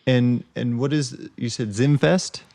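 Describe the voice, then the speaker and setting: A man hosting a music podcast, introducing the episode and asking short, brisk follow-up questions. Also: medium pitch, fairly even intonation, vocal fry, dark tone, dry recording. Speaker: podcast host. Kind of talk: podcast interview.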